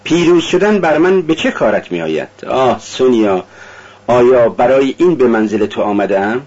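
A man's voice: mid-range voice, animated, a little mellow, slightly rough, lo-fi sound. A man reading an audiobook, voicing a brooding, tormented young man in an intense, confessional tone. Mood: despairing.

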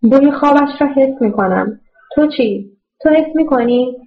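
A woman reading an audiobook voices a grieving young mother who speaks in a hushed, dazed way. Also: high-pitched, muffled recording, voice pushed up.

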